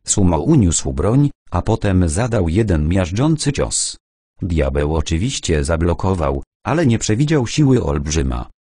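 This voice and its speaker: A man's voice: low-pitched, very animated, unhurried, warm tone, slightly rough, dry recording. A man reading a novel aloud as an audiobook narrator, voicing the dialogue only by dropping his voice a little.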